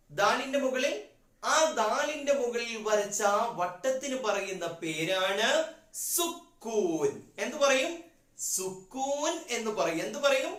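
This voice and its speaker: A man's voice: very high-pitched, fairly bright tone. A man teaching a religious class to young children, patiently asking questions and drilling repetitions. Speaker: madrasa teacher. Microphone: phone. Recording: echoey room.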